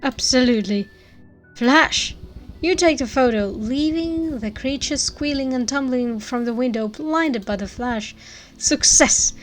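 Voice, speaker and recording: A woman with a fairly high voice narrates a story in the second person. She is dramatic and expressive in her emphasis, and music plays softly behind her. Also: a little slow.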